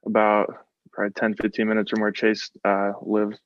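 Young male coach from the West Coast, low, even voice, slightly dull line sound. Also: normal speed, no echo. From West Coast of the United States. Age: 20s. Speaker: football coach. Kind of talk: interview answers.

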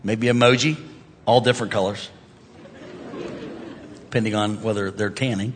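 A man preaching a sermon as pastor, talking in a lively, conversational way with humor and rising emphasis. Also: on the low side, normal speed, a faint crowd, a little hiss or hum. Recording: reverberant hall.

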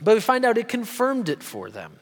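Brief: male preacher, high voice, chatty sermon delivery, echoing church hall. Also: huge pitch swings, normal speed. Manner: conversational, often asks "right?". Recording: long hall reverb.

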